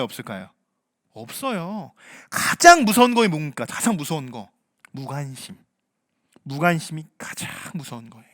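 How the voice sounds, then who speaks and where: A man preaching a sermon as pastor, a parent himself, acting out quoted voices and swinging from loud to hushed. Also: high-pitched, no room sound, studio quality.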